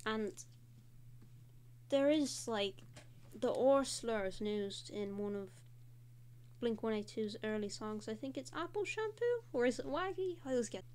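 A young woman hosting a casual draw-and-talk video, chatting in a rambling way with frequent fillers. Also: on the high side. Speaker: host.

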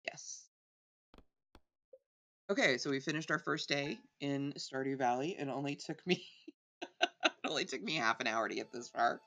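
A woman's voice: very deep voice, expressive, moderate pace, pauses often, a bit bright. A middle-aged woman giving casual let's play commentary, thinking aloud as she plays.

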